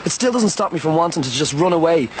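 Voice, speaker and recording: A man's voice: a little high, animated, fast talker, slight background noise, close to an everyday voice. An actor playing a weary, wrongly accused young man from Ireland in a soap opera, self-pitying and restless.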